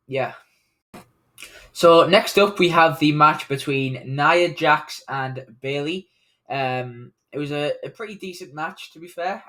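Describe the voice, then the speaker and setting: A man's voice: a little high, a bit bright. A man giving a casual, unscripted recap of a wrestling show, rambling along with plenty of fillers and self-corrections.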